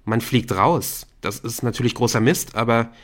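A man voicing a guarded, uneasy teenage boy who asks slow, cautious, probing questions. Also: mid-range voice, lightly acted. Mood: wary.

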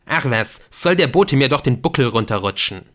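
A man's voice: medium pitch, expressive, takes it slowly, a bit bright. A man voicing a pompous, lecturing know-it-all teenage boy in a German audiobook. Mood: pleading.

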